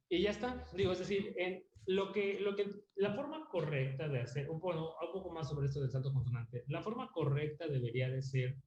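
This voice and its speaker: A man's dark-toned, medium-pitched voice guides an online music theory class as he patiently explains, uses fillers while thinking, and regularly checks in with tag questions. Slight background noise sits under the dull, roomy lo-fi audio.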